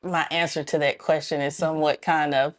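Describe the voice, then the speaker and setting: A woman's voice: deep voice, level tone, a little fast. A woman from Memphis, Tennessee, a club co-founder speaking as an interview guest, friendly and explanatory, laughing often. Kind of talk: casual interview talk.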